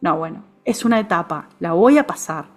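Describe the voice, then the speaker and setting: A woman with a Rioplatense Spanish accent, a therapist guest explaining things in a calm, reflective way, often ending her phrases with a questioning tag. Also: on the low side, a little fast. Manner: calm, reflective, frequent "¿no?" tags. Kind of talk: conversational explanation.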